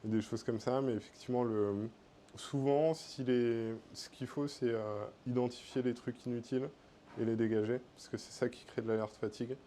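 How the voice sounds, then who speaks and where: A man's voice: medium pitch, steady tone, moderate pace, mellow, slight background noise. A man with a French accent giving a casual tech meetup talk, with many fillers. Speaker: conference speaker. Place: meetup room.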